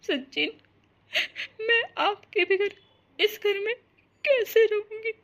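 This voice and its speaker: Woman playing a young cartoon daughter-in-law, timid, soft-spoken, very high voice. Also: slow, muffled recording, faint music behind, exaggerated voice. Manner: soft, pleading, hesitant.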